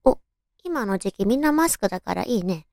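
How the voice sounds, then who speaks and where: A young woman with a cute, girlish anime-style voice gone hoarse, hosting a casual solo radio talk in a cutesy, chatty way. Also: medium pitch, lively intonation, brisk, a little mellow, no echo, clean studio sound. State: hoarse, raspy from overuse.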